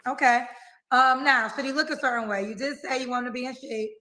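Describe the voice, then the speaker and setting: Brisk high-voiced woman host. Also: steady tone, pushed and bright. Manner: brisk, direct questions. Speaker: dating show host. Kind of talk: interview-style questioning.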